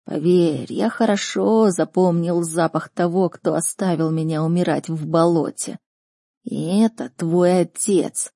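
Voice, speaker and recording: A woman voicing a grave male royal snow leopard who speaks slowly and heavily in a storybook reading. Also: on the low side, steady tone, vocal fry, mellow, no room sound, clean studio sound. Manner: slow, heavy, deliberate speech.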